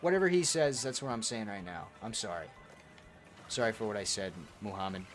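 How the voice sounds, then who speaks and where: A man's voice: fairly low pitch, sing-song, brisk, soft background music. A young man streaming a kart racing game, reading chat aloud and answering in crude, profane banter. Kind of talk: casual gaming stream chat.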